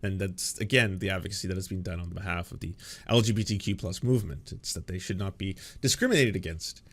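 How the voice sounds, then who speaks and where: A man giving off-the-cuff political commentary in a halting, emphatic, repetitive way, often mockingly paraphrasing. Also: low voice, fairly bright tone.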